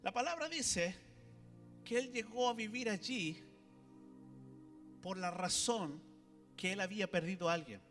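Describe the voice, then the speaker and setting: A man's voice: high voice, unhurried, long pauses, a bit bright, in a large hall, soft background music. A man, a pastor preaching animatedly and speaking directly to the congregation. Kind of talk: sermon. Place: church hall.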